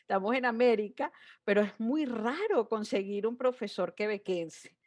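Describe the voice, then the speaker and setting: A woman's voice: fairly high pitch, animated, moderate pace, a little mellow. A woman from Venezuela, a guest on a podcast, explaining her experience at length with small restarts. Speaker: podcast guest, immigrant in Quebec. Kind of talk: casual podcast chat.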